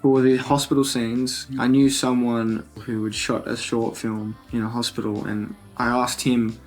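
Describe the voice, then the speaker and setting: A man's voice: mid-range voice, level tone, unhurried, soft background music. An Australian man speaking as a filmmaker in a behind-the-scenes interview.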